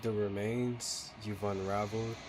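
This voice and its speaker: A man giving low-key, slangy gameplay commentary and reading game dialogue aloud, with some swearing. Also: little pitch movement, unhurried, noisy background. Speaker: gameplay streamer.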